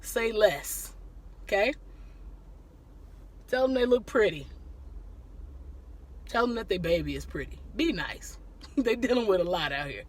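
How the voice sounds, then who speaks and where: A woman's voice: medium pitch, animated, measured pace, long pauses. Woman, live-stream host, easygoing and chatty, breaks to laugh and greet viewers. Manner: laughs often, greets viewers by name mid-talk. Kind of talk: casual live-stream chat answering viewer questions.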